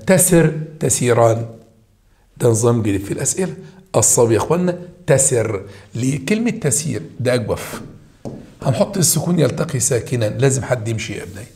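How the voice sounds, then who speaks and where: A man with an Egyptian accent teaching high school grammar. He walks through homework answers, repeating key points and addressing the students directly. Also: a little mellow. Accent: Egyptian Arabic.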